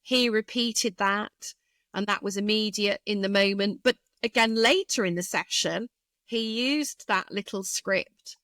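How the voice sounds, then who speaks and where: A woman speech therapist, a guest in an interview, explaining carefully and thoughtfully with frequent pauses and fillers. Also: mid-range voice, fairly bright tone, dry recording. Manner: thoughtful, hesitant with many fillers.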